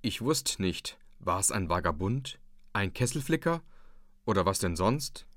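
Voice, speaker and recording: A man's voice: sits low, very animated, unhurried, no echo, studio quality, pitched below the performer's own voice, exaggerated voice. A man reading an earnest young dike-reeve. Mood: earnest, reassuring. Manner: warm, reassuring.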